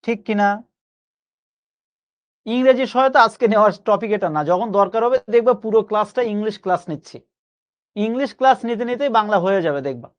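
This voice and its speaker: A young man teaching an online grammar class, coaxing his students and repeating key phrases slowly for emphasis. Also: sits high, muffled recording. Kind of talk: live online class lecture.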